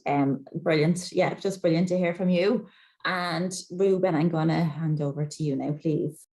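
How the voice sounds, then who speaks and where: A woman moderating an online panel over a video call, speaking in a warm, encouraging way. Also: low-pitched, steady tone, unhurried.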